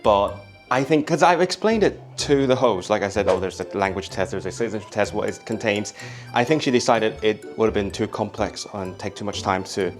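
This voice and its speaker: A man's voice: lowish voice, brisk. Male vlogger, slightly Welsh-tinged English, hesitant casual chat over faint music.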